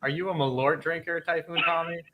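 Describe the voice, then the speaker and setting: A man's voice: on the high side, steady tone, brisk, pushed and bright, rough recording. A man hosting a casual interview, teasing his guest with mock outrage. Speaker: host.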